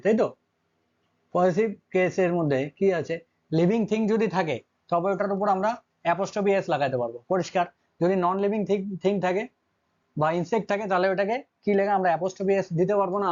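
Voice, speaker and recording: A man's voice: sits high, darkish tone, highs cut off. A man teaching an English grammar lesson, constantly checking with his students through short questions.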